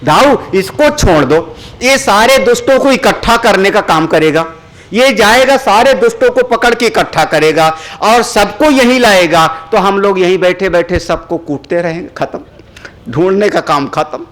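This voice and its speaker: A man voicing a playful, persuasive young male god in a religious story, talking in a coaxing, animated way. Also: high voice, unhurried, low-quality recording.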